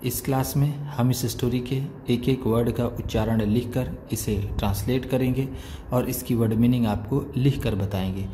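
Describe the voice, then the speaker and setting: A man teaching English word by word, reading each word slowly and then explaining its meaning. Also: mid-range voice, mellow, slight background noise, rough recording. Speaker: English teacher, channel host. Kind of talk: slow word-by-word reading lesson.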